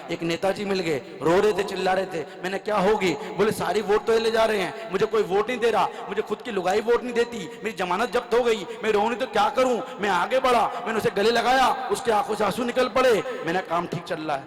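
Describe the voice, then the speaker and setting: A man's voice: sits high, brisk, few pauses. A man performing comic storytelling on stage at a poetry gathering, acting out dialogue with rhythmic repetition. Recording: reverberant live PA sound.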